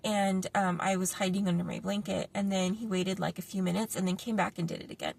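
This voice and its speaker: A woman's voice: mid-range voice, steady tone, a little fast, creaky, a little mellow. A middle-aged woman talking through a casual vlog monologue, rambling with many fillers and restarts. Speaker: vlogger. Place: parked car.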